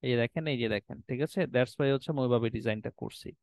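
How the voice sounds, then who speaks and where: A man of middle pitch explains web design settings step by step in a clear, resonant voice. He keeps checking that his students follow along and drops English technical terms into his talk. The sound is dry and close, with no room echo. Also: steady tone, fast, darkish tone. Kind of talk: screen-recorded tutorial walkthrough.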